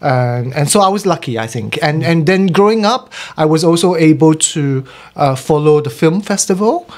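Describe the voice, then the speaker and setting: A Singaporean man in his forties, an arts curator, answering interview questions in a hesitant, reflective way with many pauses. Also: fairly high pitch, lively intonation, darkish tone. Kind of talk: radio interview. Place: radio studio.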